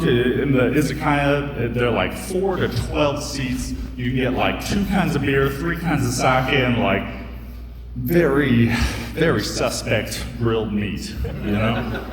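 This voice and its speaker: Chatty man telling a story in an echoey hall. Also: medium pitch. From United States. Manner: casual, joking, chatty with many fillers. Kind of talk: live storytelling on stage. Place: stage in a hall with a live audience. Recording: echoey hall picked up from a distance, crowd audible.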